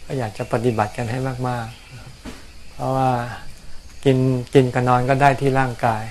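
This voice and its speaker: A man, a Buddhist monk, answering questions about practice in a calm, explanatory way, often repeating words. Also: medium pitch, unhurried, a little hiss or hum. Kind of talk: casual dharma Q&A. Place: outdoors on a mountain.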